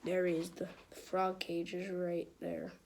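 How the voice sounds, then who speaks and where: In a clearly noisy home recording full of clicks, a woman reads a children's book as an amateur, casual and stumbling, with informal, chatty asides. Her voice is on the low side, monotone, a little slow, and a little mellow.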